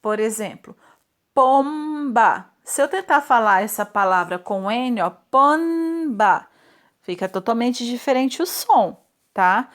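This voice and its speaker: A woman teacher going through a spelling lesson for children, patiently drawing out each example word and checking in with short questions. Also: medium pitch. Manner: slow, patient, stretches out example words; checks in often with tag questions.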